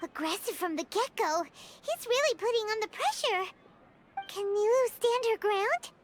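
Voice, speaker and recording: A woman voicing a small excitable companion figure commenting on a game debate, very high and chirpy. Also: moderate pace, a little hiss or hum. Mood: tense.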